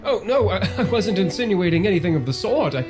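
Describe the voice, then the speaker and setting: A woman voicing a polite young gentleman suitor who is courteous and slightly flustered. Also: mid-range voice, big pitch swings, a little fast, music in the background, lightly acted.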